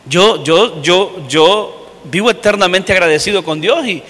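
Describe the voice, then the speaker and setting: A man, a pastor preaching a sermon, telling stories and acting out voices, swinging between loud and soft. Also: high-pitched, unhurried, long reverb tail. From Honduras. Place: church.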